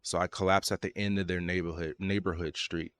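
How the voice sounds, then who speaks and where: A man's voice: deep voice, little pitch movement, fairly quick, background noise. A man casually telling a personal story, rambling with lots of fillers and restarts. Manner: loose, rambling, many fillers.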